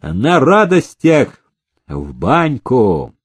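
A man voicing a bossy, boastful rich nobleman who speaks in a slow, commanding way. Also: medium pitch, wildly swooping pitch, slightly rough, no echo, studio quality, full character voice. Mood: pleased.

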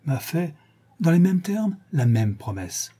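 A man's voice: a little high, big pitch swings, slow pace, warm tone, breathy edge, voice pushed up, full character voice. A man reading the part of Gaston, a dead husband pressing his claim in a nostalgic, insistent way. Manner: insistent, nostalgic, self-righteous. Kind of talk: audiobook character reading.

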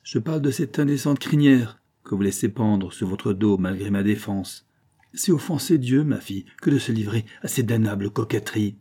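A man voicing a harsh, prim older spinster aunt in an audiobook reading, speaking in a rough, stern tone. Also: on the low side, normal speed, mellow. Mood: scolding.

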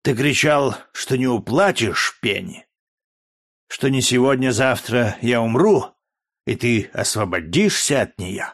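A man reading an audiobook, voicing a sick, raging old Roman dictator with a hoarse, frenzied voice. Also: mid-range voice, expressive, a little slow, fairly bright tone. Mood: scornful fury.

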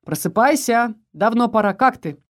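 A woman's voice: on the high side, animated, moderate pace, pitched above the performer's own voice, close to an everyday voice. Woman voicing a teasing young husband. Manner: teasing, persistent questioning.

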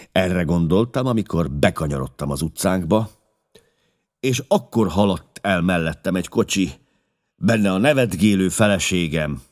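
A very low male voice tells a first-person confession in an audiobook. His pitch swings widely, and his reading rises with feeling before falling to a near hush. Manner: expressive, emotional, with sudden drops to a hush. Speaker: audiobook narrator.

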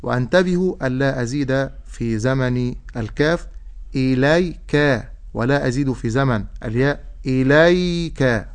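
A man teaching Quran recitation, explaining rules and then reciting example words slowly and drawn out. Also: mid-range voice. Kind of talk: tajweed lesson with recited examples.

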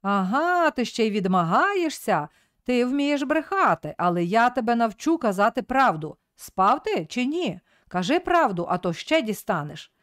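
A rude, bullying male editor from an audiobook, all scolding and yelling, as a woman reader puts him on. The voice jumps up and down sharply in pitch, and the reading sounds close and dry. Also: sing-song, normal speed, no echo. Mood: shouting. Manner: scolding, shouting, mocking.

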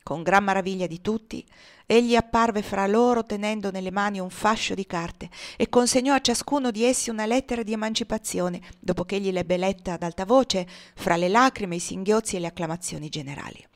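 Woman reading a classic novel aloud. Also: medium pitch. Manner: measured, softening to near whisper in sad passages. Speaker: reader. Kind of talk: audiobook narration of a classic novel.

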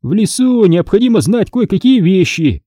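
A loud, mischievous teenage boy teases and taunts with a lot of swagger, as a male narrator puts him on. The voice is pushed high and leaps around in pitch. The tone is dark and husky, recorded close and dry. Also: big pitch swings, moderate pace, dry recording. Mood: taunting. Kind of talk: audiobook character voice.

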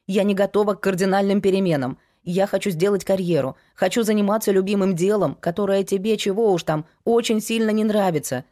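A woman's voice: mid-range voice, fairly quick, hardly any pauses, warm tone, close to an everyday voice. A woman voicing a young woman, a frank and resolute investigator, in an audiobook. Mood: firm.

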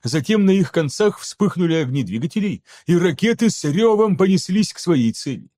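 Guy narrating an audiobook, mellow dark tone, slightly high voice, steady even reading. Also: moderate pace. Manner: steady, even storytelling that voices each character. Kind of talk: scripted narration.

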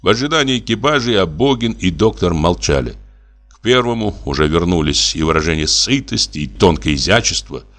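Low-voiced male audiobook narrator. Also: lively intonation, brisk, a bit bright. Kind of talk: scripted literary narration.

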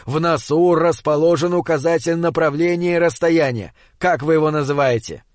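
A man's voice: a little high, normal speed, no echo, studio quality, close to an everyday voice. A man reading a bossy, impatient spaceship captain. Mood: probing. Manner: impatient, shouting when pressed. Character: exasperated male spaceship captain, shrewd and bossy.

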